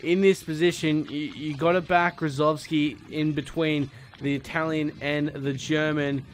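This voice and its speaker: A man calling a race play-by-play, steady through the build-up and rising to excited calls at the finish. His voice sits a little high for a man. A faint hiss of ambient noise runs underneath. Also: a little slow. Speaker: play-by-play commentator. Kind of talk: live sports commentary.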